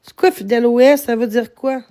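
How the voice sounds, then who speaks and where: A woman with a Québécois French accent, talking live to her chat, swearing constantly, repeating herself and bursting into shouts. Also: fairly high pitch, fairly even intonation, fairly quick, clear, resonant tone. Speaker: livestreamer answering her chat. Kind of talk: live-stream rant.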